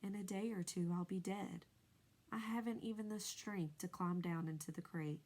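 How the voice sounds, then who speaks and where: Wise, gentle lady spider read by a woman, soft and measured, storybook. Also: on the low side, natural voice. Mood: calm. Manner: quiet, measured and soothing. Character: wise, gentle female spider, calm and dying.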